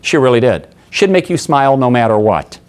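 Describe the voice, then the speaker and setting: A man training a room of workers, telling anecdotes with lively acted voices and quizzing the audience. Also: mid-range voice, a little fast, clean tone. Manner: animated storyteller, acts out voices, asks the audience. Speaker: sales trainer. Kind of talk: seminar talk with acted anecdotes.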